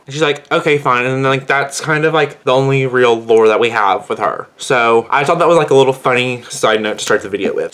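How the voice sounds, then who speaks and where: A teenage boy tells a long storytime vlog at a steady middle pitch. He rambles and circles back, filling every gap with "like", and sounds indignant as he tells it. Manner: rambling, heavy use of "like". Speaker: vlogger.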